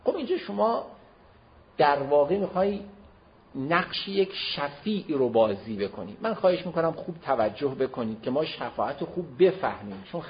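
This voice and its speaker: A man's voice: a little high, big pitch swings. Emphatic male religious lecturer, lo-fi. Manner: emphatic, swings loud and soft. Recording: dull lo-fi recording.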